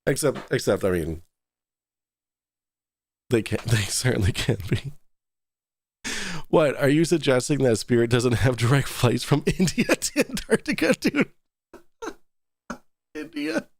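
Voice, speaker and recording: A man's voice: medium pitch, sing-song, a little slow, vocal fry, long pauses. A man with a Boston accent hosting a talk show, joking and laughing through casual live-stream commentary.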